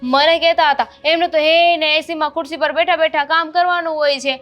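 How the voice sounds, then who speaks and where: A young woman playing a polite neighbour who hesitates and reasons calmly with an older woman in a family drama. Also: high-pitched, brisk, dull audio, soft background music, close to an everyday voice. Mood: reasoning. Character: young woman neighbour, friend of the daughter-in-law. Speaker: neighbour character. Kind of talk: amateur family drama acting.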